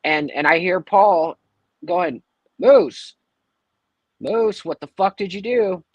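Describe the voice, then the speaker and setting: Fields: Sex: man. Role: livestream caller. Style: casual storytelling. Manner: animated, acts out quotes. Pitch: slightly high. Sound: dry, close livestream headset audio. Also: slow, slightly rough, no room sound. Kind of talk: casual chat, telling a story.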